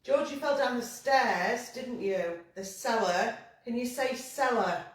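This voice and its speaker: A woman on a ghost hunt coaxes spirits to speak in a soft, patient way. Her voice sits a little high, and it rings around a very echoey cellar while she stands off from the mic. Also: slow. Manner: gentle coaxing, calls spirits sweetheart. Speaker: paranormal investigator. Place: pub cellar. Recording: very echoey room from far off.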